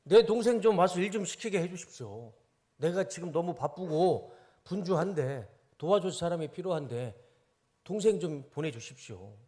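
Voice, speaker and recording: A man's voice: on the high side, very animated, normal speed, mellow, voice pushed up. A male pastor acting the part of an irritated busy woman complaining in a sermon retelling. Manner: exasperated, pleading.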